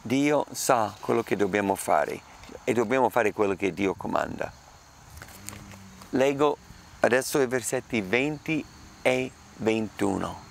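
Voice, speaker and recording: A man's voice: medium pitch, unhurried, creaky, slight background noise. A man preaching a sermon and explaining a Bible passage in an earnest, emphatic way. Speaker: pastor.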